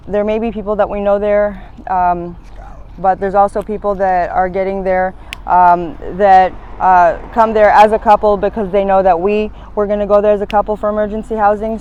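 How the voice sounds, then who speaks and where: A woman's voice: medium pitch, muffled recording, slight background noise. A woman in her thirties interviewed on a city street, talking in long, hesitant, rambling stretches full of fillers. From United States, born in Latvia. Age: 30s.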